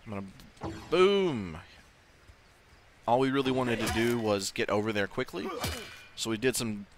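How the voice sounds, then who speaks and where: The let's-play host here has a fairly low voice with fairly even intonation and a fairly quick pace, plus a slight hiss or hum. Against faint game sound and video game ambience, he chats casually, reasoning aloud and dropping offhand swears.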